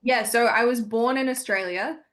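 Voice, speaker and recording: A woman with a New Zealand accent, a stunt performer guest in a casual interview, relaxed and friendly as she explains things. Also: fairly high pitch, moderate pace.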